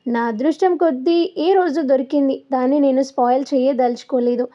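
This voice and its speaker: A woman voicing a scheming, pushy young married man who talks in a loud, insistent way. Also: sits high, fairly even intonation, a little fast, natural voice. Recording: dull lo-fi recording.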